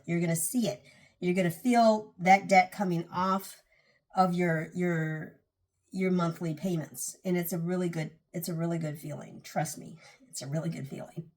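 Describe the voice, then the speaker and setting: A woman vlogger talking casually about getting out of debt. She is earnest, often restarts and repeats phrases for emphasis, and sounds a little tired. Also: on the low side. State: tired, yawning. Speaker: personal finance vlogger. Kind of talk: casual talk to camera.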